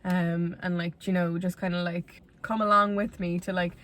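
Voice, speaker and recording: Low-pitched young west of Ireland woman, chatty. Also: flat delivery, moderate pace, fairly bright tone. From Galway, Ireland. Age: 20s. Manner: rambling, conversational, self-deprecating. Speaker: vlogger. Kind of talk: casual, candid chat to viewers.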